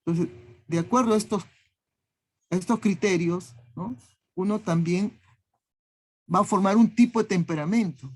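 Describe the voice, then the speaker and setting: Teacher lecturing with a "¿no?" after each phrase. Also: male voice, high voice, normal speed, long pauses. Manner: tags nearly every phrase with a questioning "¿no?"; lists traits one word at a time. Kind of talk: classroom lecture.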